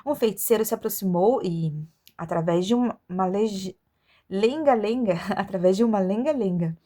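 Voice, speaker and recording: A woman's voice: mid-range voice, moderate pace, warm tone. A woman reading a children's adventure novel aloud as an audiobook, expressively, with the odd stumble of an amateur reader.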